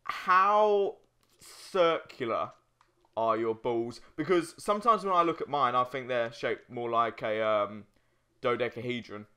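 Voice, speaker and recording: A man with a smooth, medium-pitched voice and a sharp tone speaks a bit slowly while hosting a let's play. The gamer chats casually and jokes over competitive gameplay, easily amused.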